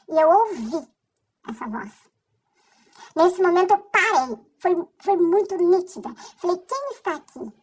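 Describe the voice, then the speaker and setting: Woman, high bright voice, emotional faith testimony, stop-and-start delivery. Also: poor audio. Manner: earnest and halting, with restarts. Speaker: person sharing a faith testimony. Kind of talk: personal religious testimony.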